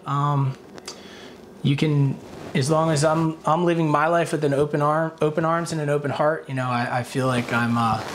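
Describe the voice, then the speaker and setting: A man's voice: fairly high pitch, a little hiss or hum. A man in his thirties speaking casually as a guest on a video call, laid-back and grateful, with lots of fillers.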